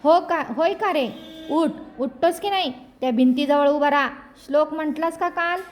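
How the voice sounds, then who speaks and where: A woman voicing a village father who scolds his son loudly in a raised voice. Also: high-pitched, moderate pace, natural voice. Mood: angry. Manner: raised, scolding, later softening. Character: angry, then gentle village father.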